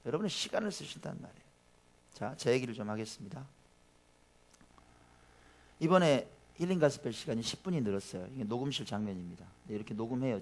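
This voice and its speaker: Chatty Korean pastor preaching. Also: male voice, fairly low pitch. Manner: chatty, addresses the congregation directly with questions; tells personal anecdotes in a lively, informal way. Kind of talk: conversational sermon. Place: church sanctuary.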